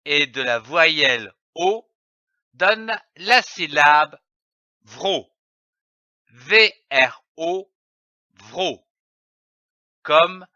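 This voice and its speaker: A man teaching children to read, spelling out letters and sounding each syllable slowly and repeating it. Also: on the high side, pushed and bright, dry recording. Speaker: reading teacher. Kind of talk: slow syllable-by-syllable reading lesson. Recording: dull, dry lo-fi recording.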